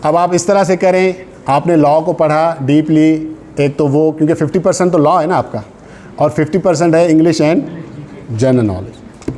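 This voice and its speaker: There's slight background noise as a man from Sindh, Pakistan, delivers an informal lecture with exam tips. His voice is a little high and warm at a measured pace, and in his Pakistani accent he instructs students, switching into English terms and checking in with short tags.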